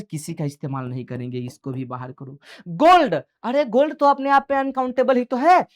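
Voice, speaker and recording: A male teacher leads an online exam-prep grammar class in a familiar, coaxing tone. He keeps asking questions and answering them himself, and drops English grammar terms into his quick explanations. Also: sits high, a little mellow.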